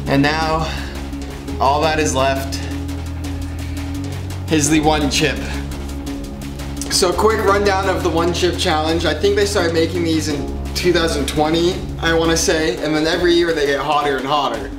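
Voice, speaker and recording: A man's voice: a little high, moderate pace, long pauses. A young man who vlogs, chatting casually to the camera indoors. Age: young adult. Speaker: vlogger. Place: indoor dining room, camera across table. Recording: echoey room, music behind.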